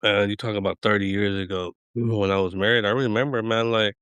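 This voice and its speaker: Laid-back low-voiced podcast host. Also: male voice, steady tone, a little fast, fairly bright tone, clear, resonant tone, dry recording, muffled recording. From Eastern Washington. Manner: laid-back, chuckles often, rambling. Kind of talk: casual chat.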